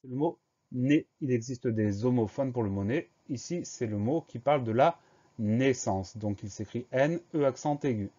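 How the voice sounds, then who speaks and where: Letter by letter, a male teacher spells out each word for his students in a slow, deliberate dictation lesson. He has a medium-pitched voice that's dark and mellow. The audio comes across somewhat dull and low-fidelity.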